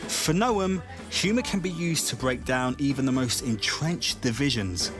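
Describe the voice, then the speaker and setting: A man presenting a documentary feature, narrating a scripted report with an expressive storytelling delivery. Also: medium pitch, measured pace. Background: background music.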